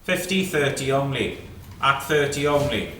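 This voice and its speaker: Bright and forceful, a mid-range male voice, a little slow, runs a live fine art auction. He calls lots and bids with clipped, repeated numbers and short prompting questions, chanting bids rapidly and describing lots. The audio comes from a distant mic in an echoey indoor saleroom, with faint noise.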